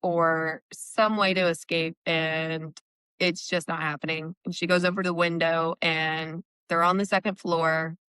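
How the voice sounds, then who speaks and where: Chatty woman with a smooth, low voice. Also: flat delivery, unhurried, bright, forceful tone, dry recording. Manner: chatty retelling, frequent "like" and "um". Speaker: podcast co-host. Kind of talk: casual book-recap chat. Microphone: remote call.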